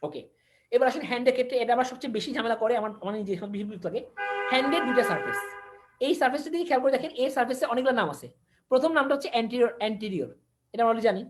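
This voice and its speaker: A woman teaches an online anatomy class in a fairly high, lively voice, racing along with slight background noise. She switches languages for technical terms, repeats key words, and quizzes her listeners.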